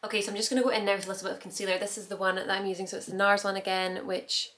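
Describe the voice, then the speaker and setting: A woman's voice: mid-range voice, flat delivery, rapid-fire, fairly bright tone. A woman in her thirties chatting casually about her week while doing her makeup, rambling with restarts and little laughs. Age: 30s. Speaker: beauty vlogger. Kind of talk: casual get-ready-with-me chat.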